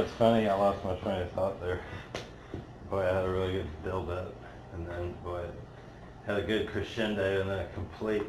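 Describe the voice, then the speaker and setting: A man giving a live spiritual talk in an auditorium. He speaks bluntly, swears freely, builds to loud emphatic peaks and then drops back down low. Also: reverberant, noisy background. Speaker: spiritual teacher. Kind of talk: live motivational talk to an audience.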